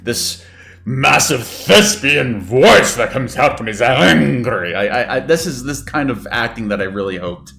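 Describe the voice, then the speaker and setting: A man's voice: medium pitch, lively intonation, a little slow, vocal fry, pushed and bright. A man commentating casually on a video game as he plays it. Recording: faint game music behind.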